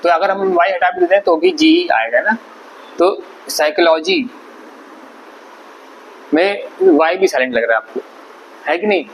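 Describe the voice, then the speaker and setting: A man's voice: high-pitched, big pitch swings, measured pace, pauses often, rough recording. Man patiently teaching English pronunciation. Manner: explains patiently, repeats and spells out words. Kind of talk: spoken vocabulary lesson. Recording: faint background noise.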